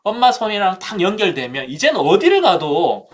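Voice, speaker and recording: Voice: mid-range voice, very animated, normal speed. A speaker at a Bible seminar telling a childhood story in a Bible talk, using vivid sound words and addressing listeners directly.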